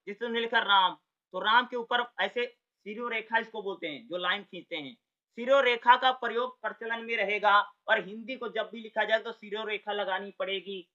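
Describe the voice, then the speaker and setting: A man's voice: sits high, bright, forceful tone. A man giving an informal exam-prep lecture, chatty and full of rhetorical questions and repeated check-ins. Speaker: teacher. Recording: dull lo-fi audio.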